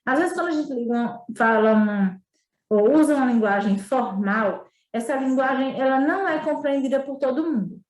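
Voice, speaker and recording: Woman, teacher, northeastern Brazilian accent, high voice, explanatory, tag questions, echoey room. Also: animated, normal speed, darkish tone. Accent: Brazilian Portuguese, northeastern. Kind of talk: remote school lesson.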